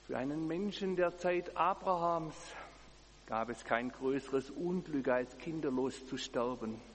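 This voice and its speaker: Male preacher with a slightly raised pitch, earnest and measured, in a reverberant hall with faint hum. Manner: earnest, measured, emphatic repetitions. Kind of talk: sermon.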